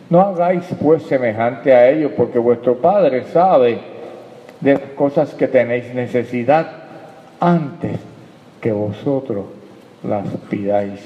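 A man's voice: medium pitch, slight background noise. Guy preaching, amen callouts, kinda muffled lo-fi echoey hall sound. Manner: preaching with call-and-response amens, dropping to hushed prayer. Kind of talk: sermon. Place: church hall.

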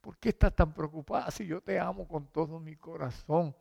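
A man voicing a loving husband who speaks softly and pleadingly to comfort his grieving wife. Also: a little high, moderate pace, creaky. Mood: tender. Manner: soft and pleading.

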